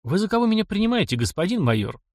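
A man's voice: fairly high pitch, sing-song, brisk, dry recording, clean studio sound. Man voicing a blunt young engineer. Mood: earnest. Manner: plainspoken, direct.

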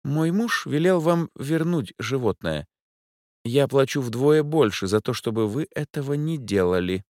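A man's voice: expressive, a little mellow, no echo, clean studio sound, lightly acted. A man voicing a haughty, nervy rich woman client who talks imperiously and panics easily. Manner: shrill, imperious, quick to panic.

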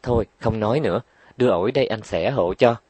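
A man voicing a kind boy who gently coaxes and soothes a younger girl. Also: lowish voice, fast, husky, dry recording. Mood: coaxing. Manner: coaxing, gentle pleading. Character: kind older boy soothing little girls.

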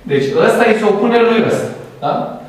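A man with a high, very animated voice teaches a classroom lecture, walking through each point and constantly checking in with his students. He is heard from a distance in a heavily echoing room, with a faint hiss under the recording. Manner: explains step by step, quizzes students, tags points with "right?". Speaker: university lecturer in classical philology. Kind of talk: classroom lecture on Latin and Greek verse meter.

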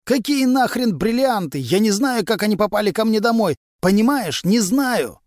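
A man voicing a desperate middle-aged male murder suspect who pleads and yells in panic. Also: on the high side, very animated, moderate pace, no room sound, clean studio sound, pitched above the performer's own voice. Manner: pleading, then yelling in panic.

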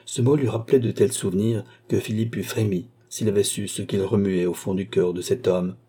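A man narrating a classic novel as an audiobook in a measured storytelling manner. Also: fairly low pitch, fairly even intonation, dark tone, husky.

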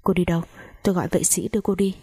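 A woman's voice: fairly low pitch, level tone, very fast, dark tone, breathy edge. A woman voicing an anxious middle-aged housekeeper who asks fretful, worried questions.

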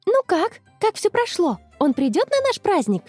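A woman voicing an excitable, worried teenage schoolgirl in a storybook, talking high and fretful. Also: moderate pace, faint music behind. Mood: worried, eager.

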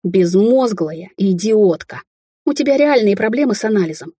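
A proud young heir from a wealthy Chinese family, quick to flare up, voiced by a woman reading a novel aloud. The tone is dark and mellow with a husky edge, recorded close and dry, with no room sound. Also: medium pitch, dry recording, natural voice. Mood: angry. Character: young Chinese man, rich heir, hot-tempered.

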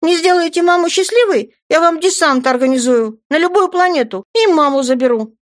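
A woman voicing a blunt, fiery teenage girl with a high, insistent voice. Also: expressive, fairly quick.

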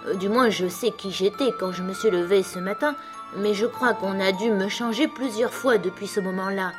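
A woman's voice: fairly high pitch, moderate pace, music in the background, voice pushed up, natural voice. A woman voicing timid polite young girl Alice. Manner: hesitant, polite, pleading. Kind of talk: audiobook character reading.

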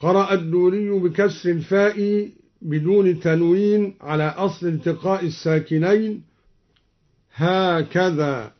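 A man teaching Quran reading variants in a measured, deliberate way, switching between plain explanation and chanted verses, from an old radio recording. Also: high voice, highs cut off.

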